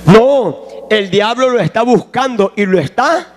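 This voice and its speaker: Male preacher with a very high voice, slow and shouting, calling for responses. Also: expressive. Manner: call-and-response, shouting to the congregation. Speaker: pastor. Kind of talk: sermon.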